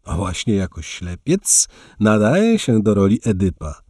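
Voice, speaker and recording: A male narrator voicing a famous older writer, dry and gently mocking. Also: on the low side, sing-song, measured pace, no echo. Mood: wry.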